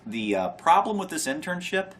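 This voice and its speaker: A man's voice: fairly high pitch, very animated, moderate pace, a bit bright, a little hiss or hum. A young man talking to camera in a rambling, sardonic monologue, sighing often and trailing off mid-thought. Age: young adult. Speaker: vlogger.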